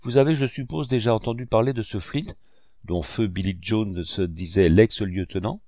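A man voicing a calm, shrewd gentleman doctor in a storybook reading, measured and questioning. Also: fairly low pitch, no echo, studio quality, close to an everyday voice.

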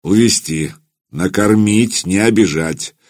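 A man's voice: fairly low pitch, slow pace. A man doing a cold, stern old voivode. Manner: cold, clipped, quietly menacing. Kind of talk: audiobook character voice.

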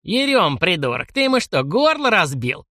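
A scrawny old jailer cackles and bosses his thugs in a creaky, high, reedy voice, as a male narrator puts him on. He drags out his taunts, and his pitch leaps up and down. The audiobook sound is dry and close. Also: very animated, bright, forceful tone, no room sound, exaggerated voice. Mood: mocking, bossy. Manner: mocking, bossy, drawn-out. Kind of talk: audiobook character voice.

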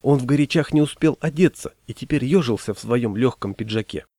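Man, audiobook narration, mellow warm tone, dry sound, measured. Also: medium pitch, no room sound. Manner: measured, storytelling.

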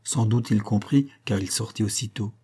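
A man narrating a classic French novel as an audiobook, at a measured, even pace. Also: on the low side, slightly rough. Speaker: audiobook reader.

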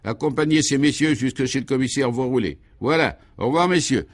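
A man voicing a fussy, self-satisfied police prefect in a vintage radio play, speaking in a brisk, overly polite manner. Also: mid-range voice, voice pushed up, lightly acted. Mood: obliging.

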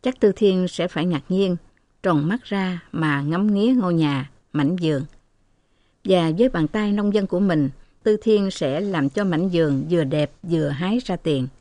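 Low-voiced woman reading a novel. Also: moderate pace, no echo. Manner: steady, even storytelling. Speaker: narrator.

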